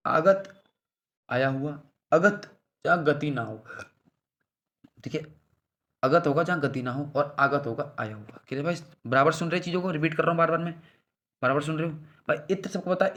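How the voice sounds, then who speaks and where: A man's voice: mid-range voice, fairly bright tone. A man teaching a casual revision lesson for exam students. He repeats each word pair several times, checks in often, and talks to the listener like a friend. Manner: calls the listener "bhai", speaks informally.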